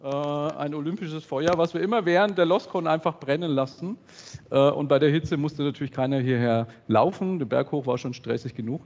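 A man's voice: fairly high pitch, a little fast, a little mellow. A man co-hosting a conference in a casual, joking way, with some hesitations, in a large hall with an audience. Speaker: conference co-host. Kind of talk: conference moderation. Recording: dull sound with long hall reverb and audience.

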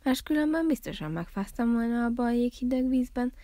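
Woman voicing a papa bear, male, big, gentle, grumbly, slow mumbly talk, mellow, storybook. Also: fairly high pitch, lively intonation, no echo, voice pushed up, lightly acted. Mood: grumbling.

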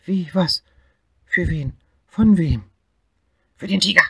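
A man voicing an eager, excitable little male tiger in a storybook reading, with a raised, slightly husky voice. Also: mid-range voice, normal speed, dry recording, pitched above the performer's own voice. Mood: excited.

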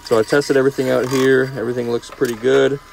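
Talking fast with vocal fry, the young plumber keeps a medium, level voice as he teases his audience and calls them "baby." He's filming first-person on a phone inside a house, in the basement and a tiled bathroom, with a crowd audible behind him on a noisy job-site recording.

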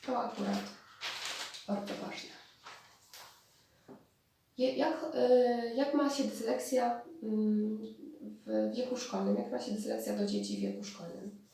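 Brief: woman therapist lecturing, a bit high and gravelly, recorded far off in a roomy hall. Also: fairly even intonation, slow, pauses often, dark tone, a little hiss or hum. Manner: explanatory, with restarts and hesitations. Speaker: speech therapist. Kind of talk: spoken lecture on therapy methods. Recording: distant mic in very echoey room.

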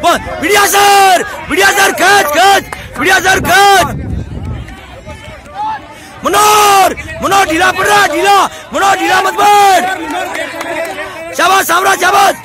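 A man with a very high, strained voice yells encouragement to runners at an outdoor track. His words come slowly and get drawn out, and he calls out times one after another. A crowd and passing vehicles are clearly audible in the background. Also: steady tone. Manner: shouts names and cheers, calls out split times. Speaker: running coach. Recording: crowd and traffic noise outdoors.

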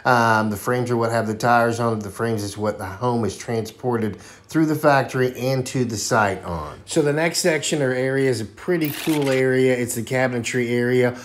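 An upbeat man talks casually through a factory tour, calling out each station as he goes. His voice sits at an ordinary middle pitch, and he fills pauses with ums and uhs. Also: slight background noise. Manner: enthusiastic, frequent um and uh fillers. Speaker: home dealer giving a factory tour. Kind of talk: casual narrated walkthrough.

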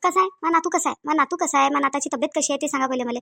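A woman voicing a shrill, angry middle-aged mother in a cartoon, with a Varhadi Marathi accent, taunting and scolding. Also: very fast, gravelly, heavily acted. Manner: taunting, shouting, mocking quotes.

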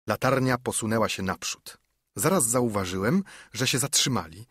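A man narrating an audiobook in a steady, measured reading style. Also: medium pitch, husky, dry recording, studio quality. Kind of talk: scripted narration.

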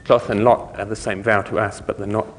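A middle-aged man lectures informally to a conference audience on a technical subject, explaining in a halting way with trailing thoughts. His lowish voice is flat, and the reverberant indoor hall recording has slight background noise.

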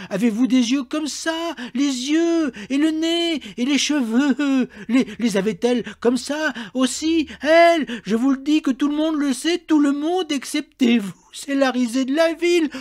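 A man's voice: very high voice, pitched above the performer's own voice. A man voicing a furious old female servant who screams and stammers at her master. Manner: shrieking, stammering rage.

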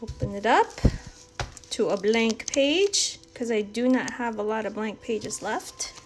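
A woman's voice: fairly high pitch, unhurried, background noise. A woman giving a casual live painting lesson from home, chatty and encouraging as she thinks aloud. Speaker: art instructor.

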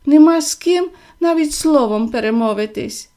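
A woman voicing a small, cheerful male gosling who honks in slow singsong calls. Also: sits high, animated, mellow. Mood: sad.

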